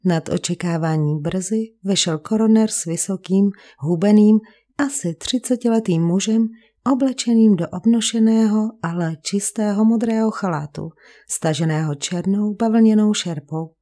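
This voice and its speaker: A woman reading a detective novel aloud as an audiobook narrator, in a calm, even storytelling manner. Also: medium pitch. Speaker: audiobook reader. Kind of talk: scripted narration.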